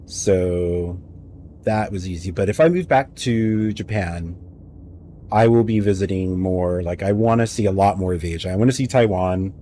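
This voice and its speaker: A young American man, a native English speaker, chats casually on a live stream while gaming, spinning rambling, animated anecdotes into a headset mic at home. His voice is deep and his pace moderate, with a faint hiss or hum in the audio.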